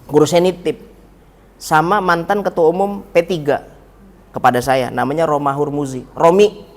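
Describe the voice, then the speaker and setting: A man's voice: fairly high pitch, moderate pace. A man teaching a religious study class in a mosque, with a humorous, anecdotal manner, turning often to the listeners as Pak and Bu. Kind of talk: mosque study-circle lecture.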